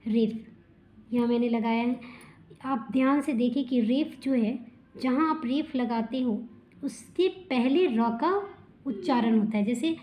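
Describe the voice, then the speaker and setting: Patient woman teacher with a mellow voice. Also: on the high side. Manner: patient step-by-step explanation with rhetorical questions. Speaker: school teacher. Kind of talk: explaining textbook answers.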